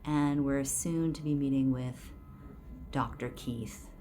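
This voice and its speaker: Brief: woman, very low voice, unhurried delivery, wry diary-style talk into a phone in a clinic room, now and then hushed to a whisper. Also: a little hiss or hum. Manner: candid, wry, drops to a whisper at times. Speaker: video diarist. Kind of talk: casual personal video diary.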